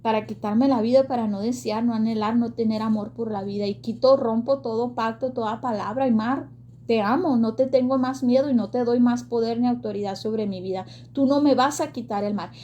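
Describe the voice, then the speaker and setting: A woman's voice: on the high side, fairly quick, warm tone, muffled recording, a little hiss or hum. A woman giving an earnest, emotional faith testimony, with hesitant fillers. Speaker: ministry speaker giving testimony.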